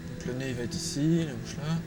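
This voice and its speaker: A Frenchman presents a casual screen-recorded drawing tutorial from a small room at home, thinking aloud and muttering to himself in an informal, slangy way as he draws. His medium-pitched voice is fairly quick, the audio is poor, and music plays behind him.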